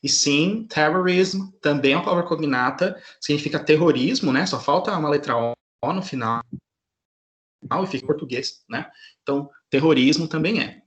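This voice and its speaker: A man's voice: on the high side, moderate pace, fairly bright tone, echoey room. A man teaching an English class online in a patient way, often checking in with his students.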